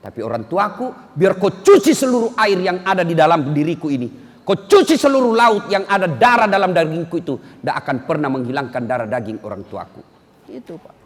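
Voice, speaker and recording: A man preaching an animated sermon who keeps turning to address his listeners directly. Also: a little high, a little fast. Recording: long hall reverb.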